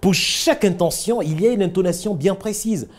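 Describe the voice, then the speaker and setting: A man teaching public speaking, emphatic and lively, acting out examples and asking the audience rhetorical questions. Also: high voice, a little fast.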